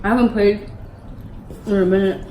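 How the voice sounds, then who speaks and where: A teenage girl chatting casually and giggling while eating, talking in an animated way. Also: medium pitch, normal speed, reverberant, slight background noise, rough recording. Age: teens. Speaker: vlogger. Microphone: tabletop microphone.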